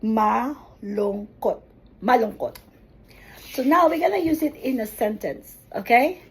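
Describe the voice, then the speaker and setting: A woman who teaches Tagalog, giving a language lesson and slowly repeating each word so learners can follow its pronunciation. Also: high-pitched, expressive, low-quality recording. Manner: slow, deliberate, repeats words for pronunciation. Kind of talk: slow spoken language lesson.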